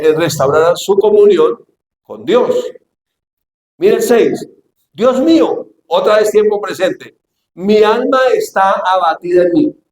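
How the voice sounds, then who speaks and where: A man's voice: high-pitched, a little mellow. A man preaching a sermon to a congregation, reading scripture and often asking them questions. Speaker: pastor. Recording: echoey hall with faint ambience.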